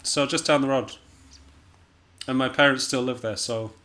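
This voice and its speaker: A Scottish musician and jazz pianist, interviewed as a guest, chats in a hesitant, understated way and pokes fun at himself. His mid-range voice is steady, bright and forceful, at a moderate pace.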